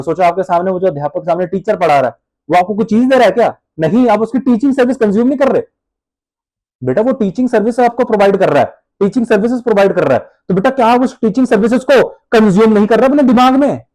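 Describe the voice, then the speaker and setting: Animated high-voiced teacher. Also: male voice, fast. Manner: animated, addresses students as beta, plays student answers himself. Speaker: accounting teacher. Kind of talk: classroom lecture.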